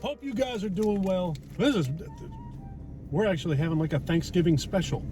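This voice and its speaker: This middle-aged man, a food vlog host, talks bluntly and casually in a car parked in a driveway, wandering off topic and swearing a bit. His high voice is expressive at a normal speed, heard over music and the hum of the road inside the noisy car.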